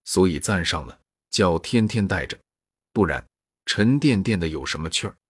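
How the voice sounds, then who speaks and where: A composed and reserved young noblewoman who gently fends off her cousin, as a man reads her in a storybook. The voice stays deep and husky. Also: lively intonation, moderate pace, dry recording, clean studio sound. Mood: gentle. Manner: read in the narrator's own voice.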